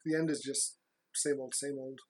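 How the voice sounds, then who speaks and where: A woman co-hosting a podcast in a casual, chatty style, halting and often repeating her words. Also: rumbling low, steady tone. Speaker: podcast co-host.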